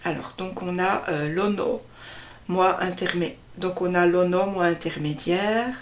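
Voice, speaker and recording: A woman slowly presenting a deck of cards one by one, hesitating often and stressing each card name. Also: fairly low pitch, a little hiss or hum. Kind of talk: casual card unboxing walkthrough.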